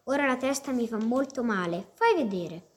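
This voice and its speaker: A woman voicing an old village healer, calm and caring, in a storybook reading. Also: on the high side, moderate pace, lightly acted.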